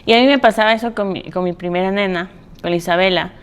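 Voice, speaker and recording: Woman in her 30s chatting on a parenting podcast, lively, laughs a lot, mid-pitched voice. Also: quick pace, smooth. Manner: animated, laughs often, acts out quoted voices. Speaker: podcast host. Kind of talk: casual conversation.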